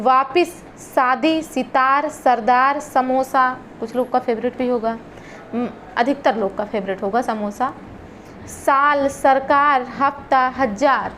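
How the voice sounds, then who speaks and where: A woman with a high voice gives an exam-prep lesson at an unhurried pace. She reads out long lists of words one by one, stopping now and then to explain. Faint noise sits behind her. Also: a bit bright. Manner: reads word lists slowly, with short explanations. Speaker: teacher.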